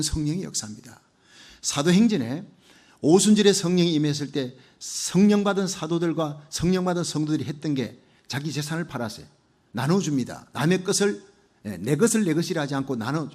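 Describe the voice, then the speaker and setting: A male pastor preaching a Sunday sermon, with fervent, rhythmic repeated phrases that swing between loud declarations and hushed low asides.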